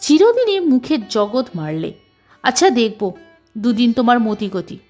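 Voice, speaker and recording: A woman's voice: a little high, very animated, a little slow, darkish tone, soft background music. A woman voicing an older husband who answers his suspicious wife with teasing banter, in a storybook reading. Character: older husband, teasing, evasive, mildly mocking.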